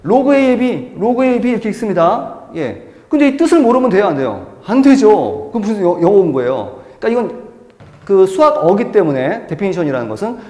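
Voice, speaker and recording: A man's voice: high-pitched, big pitch swings, fairly quick, darkish tone. A male math teacher lecturing a class, emphatic and repetitive, asking questions and answering them himself. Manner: emphatic, repeats key words, asks and answers own questions. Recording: echoey classroom with long reverb.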